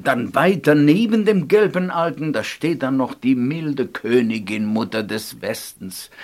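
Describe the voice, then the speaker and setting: Slow, lively fairy-tale storyteller, dramatic pauses, wide pitch swings. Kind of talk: storybook narration.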